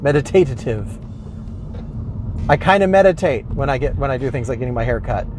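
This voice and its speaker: A man hosts his own vlog while driving his car, delivering a casual comedic rant that rambles and mocks himself, with many restarts. His mid-range voice is expressive and fairly quick against a noisy background.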